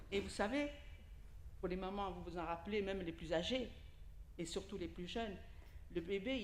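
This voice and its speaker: In an echoey church hall with a little hiss or hum, an Italian-born lay preacher speaks at medium pitch. She delivers a casual sermon during the service, a native Italian speaker addressing the congregation directly through questions and asides.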